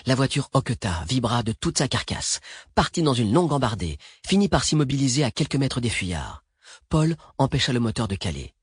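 A man narrating an action thriller audiobook in a steady, even read. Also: medium pitch, fairly quick, slightly rough, no room sound. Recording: dry close recording.

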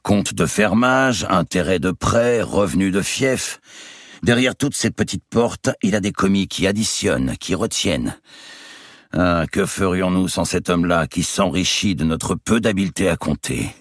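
A man voicing a boisterous giant nobleman, loud, mocking and theatrical, in an audiobook reading. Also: sits low, animated, a little slow, no room sound, clean studio sound, voice pushed up. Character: boisterous giant male nobleman, swaggering and sly. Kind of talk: audiobook character voice.

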